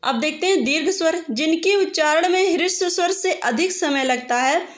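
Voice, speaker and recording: A woman's voice: very high-pitched, normal speed, reverberant. A woman teacher giving a patient grammar lesson, stretching out example vowel sounds as she explains.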